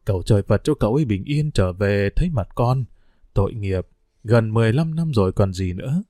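A man voicing a gentle elderly country aunt who talks slowly and softly. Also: fairly low pitch, expressive, no echo, clean studio sound, lightly acted. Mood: sorrowful.

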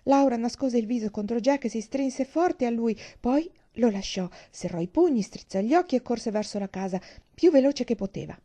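A woman reading a children's novel aloud, in a gentle, measured storytelling voice. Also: fairly high pitch, expressive. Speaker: audiobook reader.

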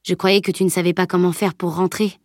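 A woman's voice: fairly low pitch, level tone, fairly quick, no room sound, studio quality, close to an everyday voice. A woman reading the part of a loyal teenage boy in an audiobook, casual and teasing.

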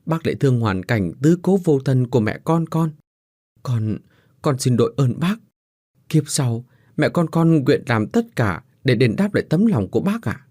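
A man's voice: mid-range voice, big pitch swings, normal speed, mellow, no room sound, studio quality. A man voicing a frail, tearful poor young mother who stammers and pleads politely. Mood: tearful gratitude.

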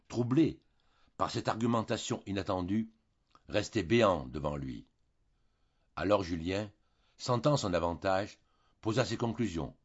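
A man reading a classic novel aloud as an audiobook narrator, with an expressive, varied delivery, in a slightly dull recording. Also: sits low, slightly rough. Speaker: audiobook reader.

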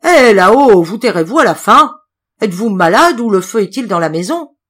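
A woman reading an audiobook, voicing an older male innkeeper with a rough, brooding manner. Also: fairly low pitch, lively intonation, moderate pace, darkish tone. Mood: gruff shouting. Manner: gruff, then brooding and solemn.

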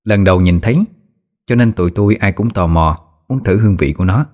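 Low-voiced storyteller man. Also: fairly quick, a little mellow. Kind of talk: ghost story narration.

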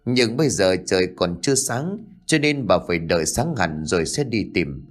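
A man narrating a ghost story in an expressive, dramatic way. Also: low-pitched, normal speed.

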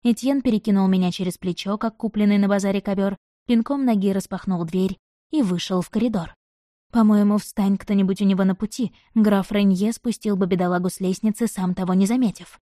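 A woman narrating a romance novel in the first person, with an expressive, dramatic reading. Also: medium pitch, brisk, no room sound, studio quality. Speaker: audiobook narrator.

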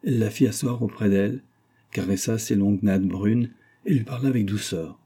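A man narrates a classic novel in a steady, measured reading. His voice sits low and dark, with a husky grain. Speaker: audiobook reader. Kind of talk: scripted narration.

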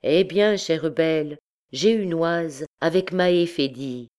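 A woman's voice: deep voice, takes it slowly, darkish tone. A woman doing a glib, evasive young captain. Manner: offhand, evasive.

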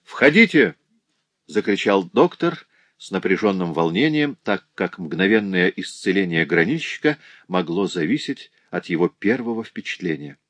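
A man narrating a novel as an audiobook reader, measured and slowing in tense moments. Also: sits low, expressive, dry recording.

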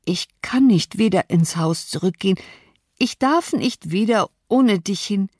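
A woman's voice: medium pitch, expressive, unhurried, darkish tone, dry recording, studio quality. A woman reading an audiobook, voicing a sickly, terrified teenage boy who pleads and gasps. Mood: fearful. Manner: gasping, pleading, fearful.

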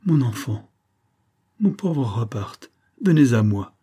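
A tender, grieving mother in a storybook reading, voiced by a man. She speaks softly with sighs, in a husky, mellow tone. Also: medium pitch, moderate pace, voice pushed up, lightly acted.

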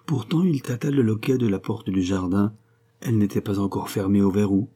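A man narrating a classic novel in a measured, expressive audiobook reading. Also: fairly low pitch, slightly rough.

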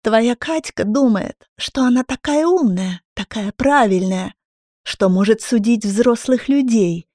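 A woman's voice: measured pace, darkish tone, no room sound, clean studio sound. A woman voicing an unhinged, furious pregnant young woman who screams and mocks in an audiobook. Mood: menacing. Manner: shrill, screaming, mocking.

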